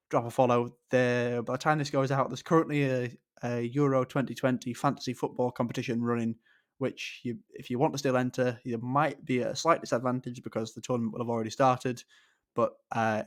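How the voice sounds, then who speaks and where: Man, mid pitch, podcast host, friendly, informal, rambling. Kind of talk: podcast interview and outro.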